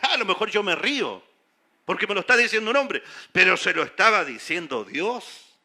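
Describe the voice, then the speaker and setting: A male pastor delivers an emphatic sermon in a church, speaking in a high, piercing register. His tone is very bright and edged. He keeps turning to the congregation with rhetorical questions. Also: sing-song, normal speed. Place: church sanctuary.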